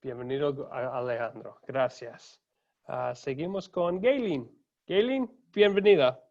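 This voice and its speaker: Unhurried pastor on a lo-fi call. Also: male voice, mid-range voice. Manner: calm, courteous, welcoming each student by name. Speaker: pastor hosting an online class. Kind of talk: unhurried roll call of students. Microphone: video call. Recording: dull lo-fi video call audio.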